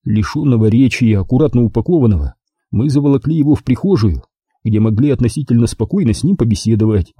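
Husky, dark-voiced male audiobook narrator. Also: mid-range voice, lively intonation, fast, no room sound, clean studio sound. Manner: wry, ironic storytelling. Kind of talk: first-person audiobook narration.

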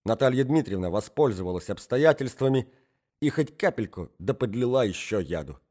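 Male audiobook narrator, measured, scripted reading. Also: medium pitch, animated, a little mellow.

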